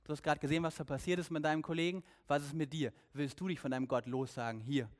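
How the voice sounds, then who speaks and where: A man voicing a threatening male rebel leader who speaks in a lowered, demanding voice. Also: steady tone, fast talker, lightly acted.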